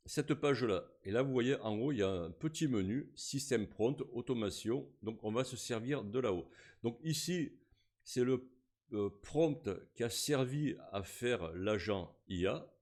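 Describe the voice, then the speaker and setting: A man, casually talking through a software tutorial step by step, with frequent fillers as he clicks. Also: medium pitch, expressive, measured pace. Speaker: tutorial host. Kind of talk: screen-recorded software tutorial.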